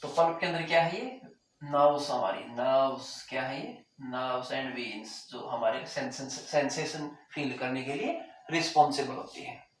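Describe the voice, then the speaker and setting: A man teaching a lesson, repeating key terms and asking the class whether it is clear, with a sore throat that keeps making him clear it. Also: medium pitch, a little slow, a little hiss or hum. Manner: repeats key terms, asks rhetorical check questions. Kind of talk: classroom lecture. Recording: very echoey room, mic far off.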